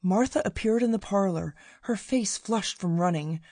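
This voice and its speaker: A woman narrating a Christmas story slowly and expressively. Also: mid-range voice, warm tone, no echo. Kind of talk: Christmas story read aloud.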